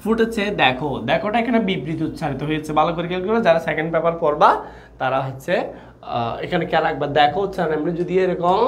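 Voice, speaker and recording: A young man with a Bangladeshi Bengali accent teaches a live online class at a rapid clip, his voice sitting a little high. He keeps asking his own questions and answering them right away. A faint hiss of noise runs under the recording.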